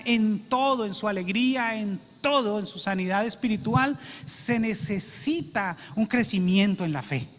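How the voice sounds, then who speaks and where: A man's voice: sits high, a bit bright, long reverb tail. A male pastor preaching a sermon with emphasis, repeating phrases and saying "amén" often.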